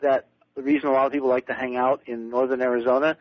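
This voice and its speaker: A middle-aged man, a guest on a late-night radio show, telling stories excitedly and repeating words as he gets going. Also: mid-range voice, fast, no echo. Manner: excited storyteller, repeats words when starting. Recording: dull lo-fi radio broadcast.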